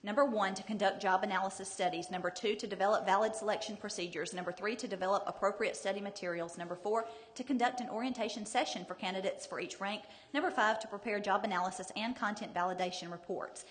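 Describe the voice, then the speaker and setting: A woman's voice: mid-range voice, quick pace, few pauses. Woman reading in echoing hall. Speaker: city councilor. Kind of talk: formal reading of a resolution. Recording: reverberant meeting hall.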